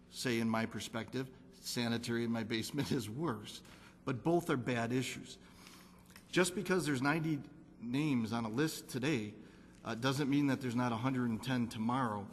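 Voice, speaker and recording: A man serving as a city council alderman, giving an earnest, repetitive speech at a council meeting and insisting on data. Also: medium pitch. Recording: council chamber with long reverb.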